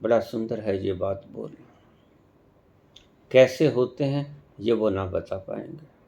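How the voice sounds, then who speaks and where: A man giving a devotional discourse as a spiritual teacher, speaking in a measured way with long pauses and emphatic stresses. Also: lowish voice, vocal fry, mellow, highs cut off.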